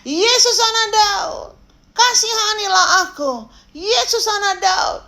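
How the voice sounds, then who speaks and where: A woman's voice: very high voice, takes it slowly, pushed and bright, pitched above the performer's own voice, heavily acted. A woman voicing a blind male beggar who cries out and pleads for mercy in a sermon retelling. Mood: pleading.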